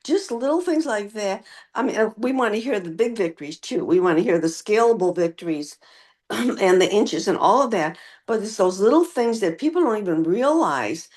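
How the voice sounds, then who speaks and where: A woman's voice: mid-range voice, lively intonation, normal speed, a little mellow. A woman who is a regular on the show, talking enthusiastically and at length over a video call. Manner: enthusiastic, talkative. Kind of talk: casual podcast chat.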